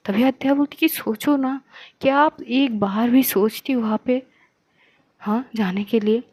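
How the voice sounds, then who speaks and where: A woman's voice: high voice, darkish tone, no room sound. A woman casually retelling a romance story episode, acting out the dialogue with feeling as she goes. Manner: retells the plot loosely, voices the lines with feeling. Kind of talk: casual spoken story narration.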